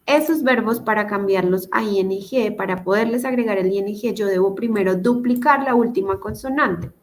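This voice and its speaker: A woman's voice: medium pitch, normal speed. A woman teaching English grammar in Spanish over a video call, explaining rules patiently step by step and often checking that students follow. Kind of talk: online class explanation.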